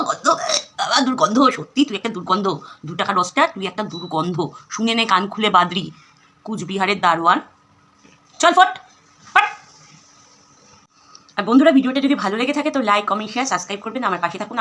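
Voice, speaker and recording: Fast, sharp-voiced Bengali woman vlogger. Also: medium pitch. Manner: scolding, insulting, sarcastic. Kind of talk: angry vlog rant.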